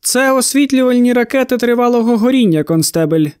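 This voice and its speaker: A man's voice: extremely high pitch, expressive, a little fast, a little mellow, clear, resonant tone, dry recording, clean studio sound. A man voicing a brash, breezy monster hunter. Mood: playful. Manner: breezy, mocking, commanding. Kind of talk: audiobook character voice.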